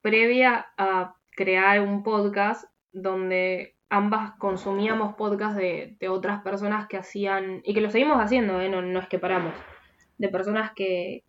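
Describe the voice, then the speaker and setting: Rioplatense woman, podcast co-host, casual rambling delivery, mid pitch, slightly muffled audio. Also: fairly even intonation, unhurried, slight background noise. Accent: Rioplatense Spanish. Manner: rambling, restarts, trails off into soft asides. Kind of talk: casual chat.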